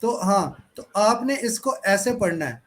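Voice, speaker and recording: A man teaching English in an online class, speaking slowly and spelling out words letter by letter. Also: high-pitched, expressive. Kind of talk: online class lecture mixing Hindi and English.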